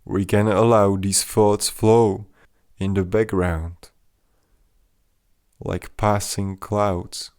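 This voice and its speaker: A man guides a mindfulness meditation in a fairly low voice with little pitch movement, giving measured instructions very slowly and gently. The audio is dry, with no echo from the room.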